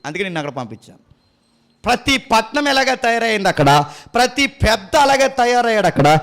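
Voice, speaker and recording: A man from a Telugu-speaking region of India delivers a sermon in a strikingly high voice. He scolds his listeners and fires mocking rhetorical questions at them as he preaches. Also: a bit bright.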